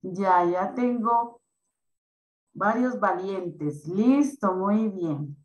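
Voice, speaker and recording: A woman teaching young children in an online class, explaining slowly and patiently. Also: medium pitch, echoey room, highs cut off. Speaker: primary school teacher.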